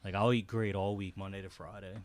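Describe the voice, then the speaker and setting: Man, very deep voice, podcast co-host, rambling casual stories, slang. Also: little pitch movement, a little fast, a little hiss or hum. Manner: rambling, slangy storytelling with swearing. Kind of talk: casual chat.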